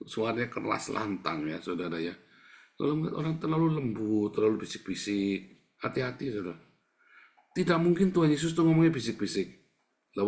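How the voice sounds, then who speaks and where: Emphatic preacher. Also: male voice, mid-range voice. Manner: conversational, emphatic, repeats words for stress. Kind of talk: sermon.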